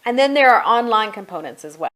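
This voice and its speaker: Quick-paced and expressive, this middle-aged woman's fairly high, slightly bright voice explains products conversationally, the way a parent might review items at home.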